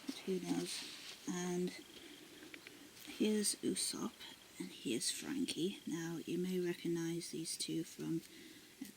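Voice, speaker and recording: A woman's voice: fairly low pitch, gravelly. A woman casually showing her sketchbook art, rambling with many ums and restarts and often dropping to a half-whisper. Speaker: art vlogger. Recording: steady background noise.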